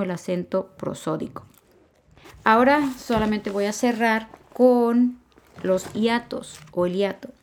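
A woman's voice: lowish voice, a little mellow. A woman giving a podcast grammar lesson, patiently explaining and repeating key points. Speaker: Spanish teacher.

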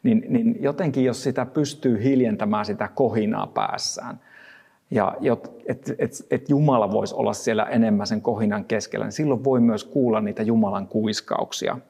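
A man giving a thoughtful Bible reflection, pausing often and restarting his words. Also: on the low side, mellow, slightly rough, long reverb tail. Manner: thoughtful, halting, frequent restarts. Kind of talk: reflective Bible devotional talk.

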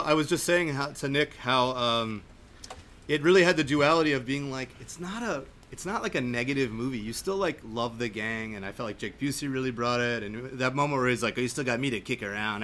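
A man hosts a casual film-discussion podcast from home, talking in an informal, effusive, rambling manner. His voice is medium-pitched and fairly bright, at a normal speed. The remote recording carries clearly audible background noise.

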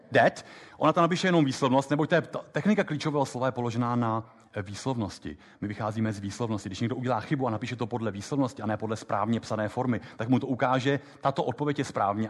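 A man giving a live lecture on memory techniques, explaining quickly and lively with many fillers. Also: mid-range voice. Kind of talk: live lecture with app demo. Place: lecture hall with audience. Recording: long hall reverb.

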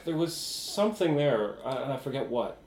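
A man's voice: medium pitch, sing-song, moderate pace, a little mellow. A man co-hosting a podcast, telling history in a wry, easygoing way. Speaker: podcast co-host. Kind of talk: casual podcast discussion. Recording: echoey room.

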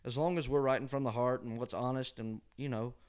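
A man's voice: mid-range voice, fairly even intonation, brisk, a little mellow, smooth. A man from Georgia with a Southern accent and a nasal twang, chatting casually and folksily as a musician guest in an interview. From Georgia, USA. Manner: folksy, often ends phrases with "man". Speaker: country singer-songwriter guest.

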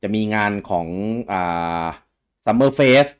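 A young man co-hosting a casual gaming news talk show, getting animated and loud when excited. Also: mid-range voice, drawn-out words. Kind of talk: casual chat.

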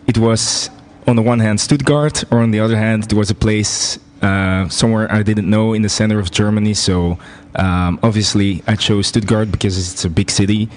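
A man's voice: lowish voice, steady tone, normal speed, darkish tone. A young man, chatting hesitantly on a student radio show in a studio. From Belgium. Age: 20s. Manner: hesitant, many fillers. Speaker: student guest. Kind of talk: casual radio chat.

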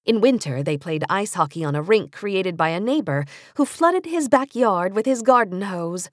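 The narrator is an American woman reading young readers' nonfiction in a mid-range voice, measured and carefully articulated with expressive storytelling. It's a dry recording, made close on a studio mic.

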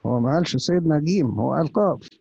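Speaking as a priest with an Upper Egyptian Arabic accent, a man delivers a sermon, firing rhetorical question after rhetorical question at his listeners. His slightly high voice is husky, breathy, and dark in tone, expressive and quick. The lo-fi recording sounds dull, dry, and close, with no room sound.

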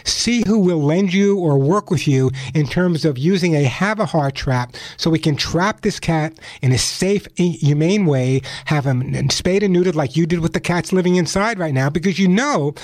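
Man, radio call-in host, slightly high pitch, chatty, direct, dry close studio sound. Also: moderate pace, few pauses, darkish tone, no echo. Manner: chatty, direct address to listeners. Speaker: radio pet advice show host. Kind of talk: live call-in radio hosting. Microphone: close studio microphone.

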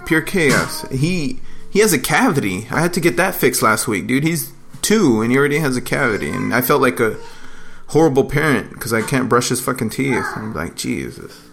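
A young man and father who hosts a podcast, chatting casually in an animated way and swearing freely. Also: mid-range voice, moderate pace, vocal fry, faint music behind. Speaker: podcast host.

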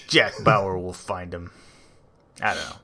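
A man co-hosting a podcast in casual chat, relaxed and rambling, with frequent fillers and restarts. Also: low-pitched, heavy background noise. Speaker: podcast co-host.

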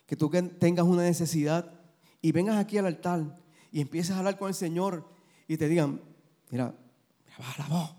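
A male pastor preaching a sermon, building to fervent, loud passages. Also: high voice, steady tone, a little fast.

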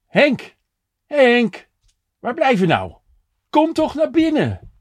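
A man putting on a high, fussing older woman. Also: huge pitch swings, unhurried, dry recording, heavily acted. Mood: calling out. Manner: fussing and cheerful scolding. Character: caring, bustling older woman. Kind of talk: audio story reading.

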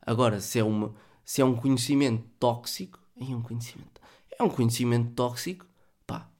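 A man with a European Portuguese accent hosts a solo podcast and talks it through casually, as if thinking aloud. He jokes and swears freely, with an ordinary mid-pitched voice. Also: fairly even intonation, fairly quick, darkish tone. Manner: joking, profane, thinking aloud. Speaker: podcast host.

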